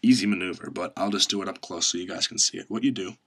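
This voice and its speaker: Deep-voiced man giving card magician patter. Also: fast talker, fairly bright tone. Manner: instructive, reciting patter lines in demonstration. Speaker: magic trick tutorial presenter. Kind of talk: step-by-step spoken tutorial with card magician patter.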